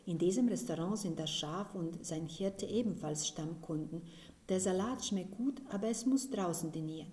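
Woman calmly reading her own story. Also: lowish voice, normal speed. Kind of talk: literary reading. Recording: roomy reading recording.

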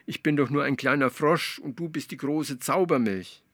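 A man's voice: a little high, normal speed, a bit bright, no echo, clean studio sound, pitched above the performer's own voice. A man voicing a small, anxious male frog who stutters and pleads. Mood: humble.

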